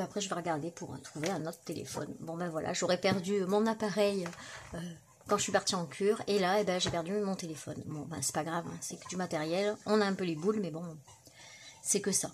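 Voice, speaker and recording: A woman's voice: mid-range voice, a little hiss or hum. A middle-aged woman chatting casually on her crafting vlog, full of fillers and admiring remarks as she shows mail she received. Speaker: crafting YouTuber. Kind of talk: casual show-and-tell vlog.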